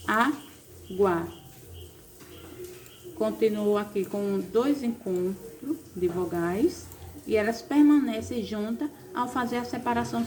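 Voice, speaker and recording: A woman's voice: a little high, darkish tone, a little hiss or hum. A woman teacher with a Brazilian accent, patiently explaining a recorded class lesson step by step. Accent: Brazilian Portuguese. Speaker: primary school teacher.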